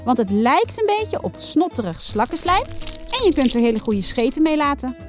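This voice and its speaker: A woman's voice: high-pitched, big pitch swings, normal speed, music in the background, voice pushed up. Woman voicing a chatty, sensible girl. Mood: enthusiastic.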